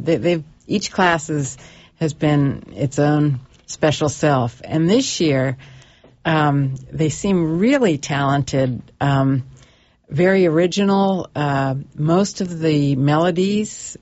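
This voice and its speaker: A woman's voice: low-pitched, a little mellow, no room sound, lo-fi sound. A woman university instructor answering radio interview questions hesitantly, with many ums.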